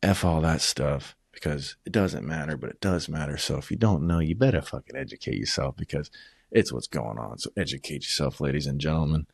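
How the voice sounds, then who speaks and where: A man's voice: extremely low pitch, fairly quick, gravelly, breathy edge, no echo, studio quality. A man casually recapping fight events at home, rambling and swearing, tossing in "bro" and "man" constantly. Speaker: combat sports vlogger.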